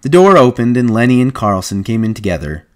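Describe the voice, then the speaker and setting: A man narrating a novel aloud in a measured, even storytelling manner. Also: mid-range voice. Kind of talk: audiobook reading.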